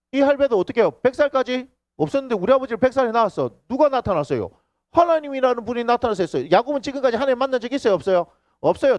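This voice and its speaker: A middle-aged man preaching in a Gyeongsang Korean accent, his high voice leaping up and down as he acts out characters and quizzes the congregation. The sound is close and dry, with almost no room echo. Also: dull audio. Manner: animated, acts out quoted voices, asks the congregation questions. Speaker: senior pastor. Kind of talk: lively sermon. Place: church sanctuary.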